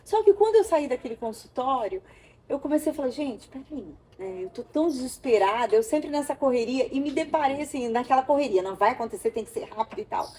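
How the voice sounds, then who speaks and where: High-voiced woman telling her story. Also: fast talker, a little hiss or hum. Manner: animated storytelling, acts out dialogue. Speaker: interview guest. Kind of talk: emotional personal testimony.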